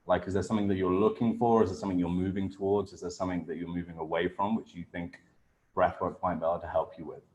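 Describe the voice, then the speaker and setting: A man's voice: sits low, level tone, quick pace, a little mellow, slight background noise. A man with a British accent leading an online workshop as a breathwork coach, talking casually and informally and checking in with his listeners. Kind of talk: casual explanatory talk on a group video call. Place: online group video call.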